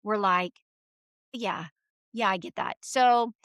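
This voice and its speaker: A woman's voice: mid-range voice, slow, clear, resonant tone, no echo. A middle-aged woman, the mother, chatting casually as an interview guest and acting out the people in her stories. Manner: animated storyteller acting out quoted voices. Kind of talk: casual chat.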